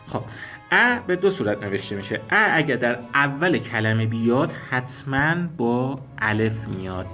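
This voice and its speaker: A man teaching a spoken language lesson, explaining slowly and repeating sounds and example words. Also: mid-range voice, very animated, bright, forceful tone, soft background music. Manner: slow, careful explanations, repeating and spelling out sounds.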